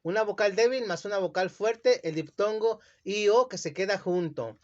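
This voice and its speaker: A man teaching children a lesson, speaking slowly and carefully and stretching words out syllable by syllable. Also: sits high, a little mellow. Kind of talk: classroom lesson explanation. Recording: dull lo-fi sound.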